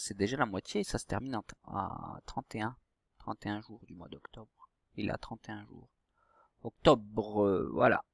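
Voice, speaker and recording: Man, primary teacher, slow patient delivery, drawn-out syllables, dry close sound. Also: on the low side, gravelly, breathy edge, no echo. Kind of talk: recorded reading lesson for young children.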